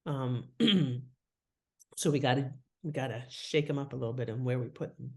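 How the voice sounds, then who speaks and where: A woman who writes and edits fiction talks as a podcast guest in a casual, animated interview, chatty and expressive. Her voice rumbles low with vocal fry at a normal pace, and she slips into little acted-out asides and imagined thoughts while explaining.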